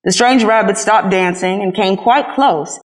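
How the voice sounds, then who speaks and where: A woman reading a children's story aloud as a scripted narration, in an expressive storytelling manner. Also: medium pitch, unhurried, poor audio. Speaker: storybook reader.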